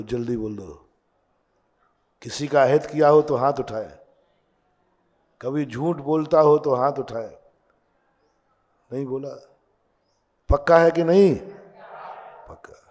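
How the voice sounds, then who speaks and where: A man delivers a sermon at a very unhurried pace, pressing his points and firing questions at the listeners. His voice sits fairly high for a man. The long reverb of a big hall trails after each phrase. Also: darkish tone. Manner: slow, emphatic, questioning the audience. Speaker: Jain monk preaching.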